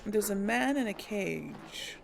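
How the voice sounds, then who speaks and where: A game streamer plays a video game and chats casually, laughing often and sometimes voicing her character in this let's-play commentary. Her medium-pitched voice is gravelly, with lively intonation and a slow pace, and a crowd is audible in the background.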